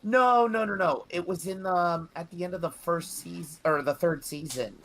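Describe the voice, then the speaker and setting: A man's voice: high voice, moderate pace, a bit bright, slight background noise. A man in a casual reaction chat, talking with many "um"s and "you know"s.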